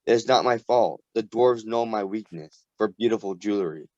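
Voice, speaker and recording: A man's voice: fairly low pitch, moderate pace, a little mellow, dry recording, natural voice. Man reading as a vain, haughty goddess. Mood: dismissive. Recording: dull lo-fi recording.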